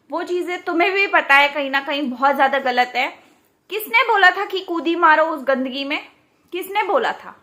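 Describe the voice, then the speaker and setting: Indignant high-voiced woman vlogger. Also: bright, forceful tone. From India. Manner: indignant, scolding, rhetorical questions. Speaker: YouTube commentator. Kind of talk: casual reaction vlog, ranting to camera.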